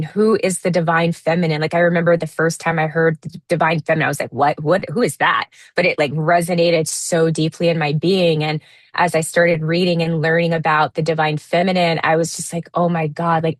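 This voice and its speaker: In casual interview talk, a woman in her 30s with a low voice works through her answers reflectively, frequently using fillers as she restarts sentences. The recording sounds dry and close.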